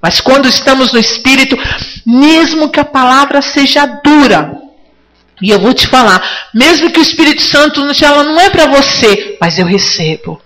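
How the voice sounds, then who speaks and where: A woman's voice: high voice, lively intonation, moderate pace, a bit bright, low-quality recording. A woman preaching a sermon to her congregation, fervent and rising now and then to cries.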